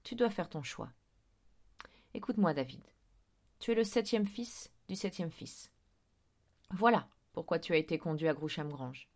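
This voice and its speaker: A woman's voice: low-pitched, lively intonation, normal speed, long pauses. A woman voicing a sly vampire headmaster. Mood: calm, solemn. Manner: coaxing, sly, growing insistent. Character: smooth persuasive male vampire headmaster, sinister. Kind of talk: audiobook reading.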